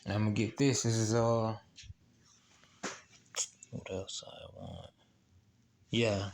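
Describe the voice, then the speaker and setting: A man with a somewhat low, slightly mellow voice preaches on scripture in a flat delivery. He repeats himself, tosses out rhetorical "what?" questions, and speaks haltingly with frequent restarts and fillers.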